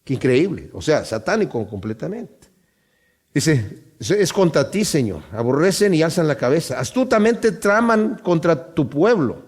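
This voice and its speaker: Emphatic preacher, fairly high-pitched man. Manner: emphatic, reads scripture aloud slowly; addresses the congregation directly. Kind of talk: Bible-study sermon.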